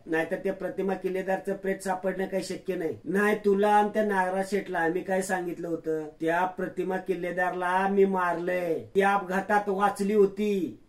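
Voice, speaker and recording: A man's voice: high voice, natural voice. A man voicing a scheming older villain in jail who speaks in a sneering, plotting manner.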